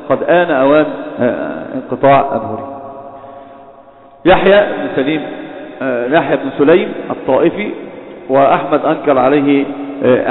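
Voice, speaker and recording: Man lecturing in an echoey hall. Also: mid-range voice. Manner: frequent hesitations and self-corrections. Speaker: lecturer on hadith criticism. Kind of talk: religious lecture. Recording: echoey hall over a tinny phone-like line.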